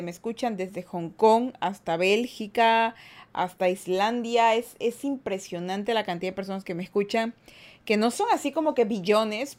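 A young woman from Guayaquil with an Ecuadorian Spanish accent hosts a casual livestream podcast from a daylit room at home, reading the chat with upbeat chattiness and playful asides. Her voice is mid-range and a little mellow.

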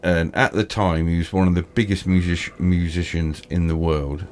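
A British man with toothless, slightly slurred speech, hosting a casual film chat in a halting, repetitive, rambling way. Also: low-pitched, steady tone, darkish tone, a little hiss or hum. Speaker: film discussion host.

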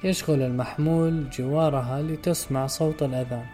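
A man narrating a literary story in a measured, somber way. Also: medium pitch, fairly even intonation, dark tone. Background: faint music.

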